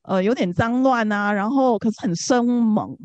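A woman's voice: on the high side, moderate pace, a little mellow, no room sound, dull audio. A woman from Singapore with a Singaporean accent, sharing reflectively and casually as a guest in a conversational interview.

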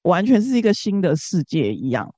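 A woman's voice: fairly low pitch, very animated, brisk. A woman from Singapore with a Singaporean accent, sharing reflectively and casually as a guest in a conversational interview.

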